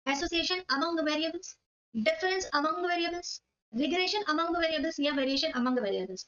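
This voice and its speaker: A woman's voice: high-pitched, a bit bright, lo-fi sound. A woman teaching a Hindi exam-prep lesson, explaining step by step, checking in with her students, and reading English questions aloud word by word.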